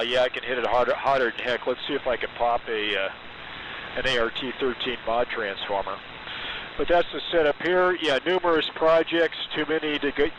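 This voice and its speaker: A man in his sixties, heard over AM radio with static hiss, chatting in a rambling, technical way with many pauses. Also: mid-range voice. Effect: received over AM radio, with static hiss. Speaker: amateur radio operator checking in. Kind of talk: casual on-air chat. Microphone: radio transmitter with carbon mic.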